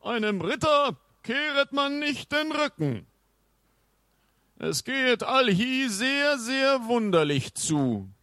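A man's voice: extremely high pitch, sing-song, slow, sharp tone, no room sound, clean studio sound, pitched above the performer's own voice, full character voice. A man voicing a centuries-old knight mummy who speaks in stately, archaic phrasing. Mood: indignant.

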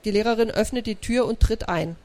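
With a brisk, slightly high voice, the author herself gives a lively storytelling reading of her children's book to a live audience.

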